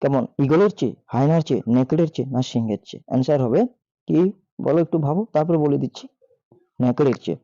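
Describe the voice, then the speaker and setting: A hoarse male teacher reads out exam questions and their options, then gives the answers. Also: medium pitch, quick pace, mellow, dry recording. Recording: dull lo-fi mic.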